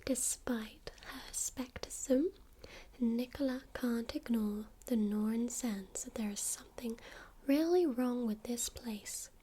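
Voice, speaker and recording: Slow whispering woman, librarian role-play. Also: a little high, warm tone, a little hiss or hum. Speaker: friendly librarian recommending books.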